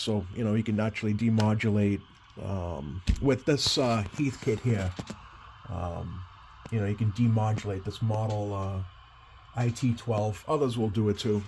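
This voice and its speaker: A CB radio repair technician works at an indoor workbench, walking through a hands-on fix in a lowish, slightly mellow voice while hesitantly thinking out loud. The recording is clear, with background noise present.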